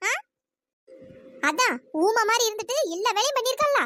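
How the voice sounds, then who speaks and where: A woman's voice: very high-pitched, lively intonation, normal speed, bright, forceful tone, dry recording, studio quality, heavily acted. A woman voicing a middle-aged aunt in a cartoon story, scolding harshly and throwing insults.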